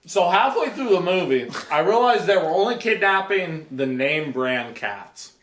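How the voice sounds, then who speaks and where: A man's voice: high voice, expressive, unhurried, a bit bright, a little hiss or hum. A man giving a rambling, comedic film review to camera, sounding drunk and repeating himself. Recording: echoey room.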